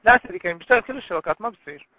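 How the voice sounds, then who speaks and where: A man's voice: high voice, animated, very fast, bright, forceful tone, husky. Syrian man over a tinny phone line. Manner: courteous, formal address. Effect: heard over a phone line. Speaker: customer service agent. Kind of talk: polite phone support call.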